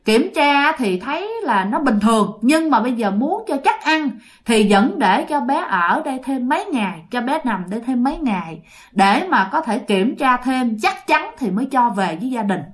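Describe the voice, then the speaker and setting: A woman's voice: fairly high pitch, big pitch swings, moderate pace. A woman with a Southern Vietnamese accent telling a ghost story in a chatty way, talking straight to her listeners. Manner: chatty, addresses listeners directly.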